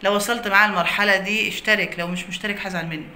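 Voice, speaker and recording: A woman's voice: mid-range voice, steady tone, rapid-fire, pushed and bright. Egyptian woman teaching English pronunciation. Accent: Egyptian Arabic. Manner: explains phonics rules with many examples. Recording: echoey room with faint noise.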